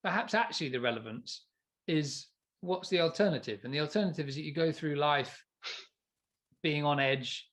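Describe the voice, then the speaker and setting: In a casual podcast chat, the male co-host rambles, stammers into restarts and laughs a lot. His fairly high, slightly bright voice moves at a moderate pace and sounds stuffy and nasal because of hay fever.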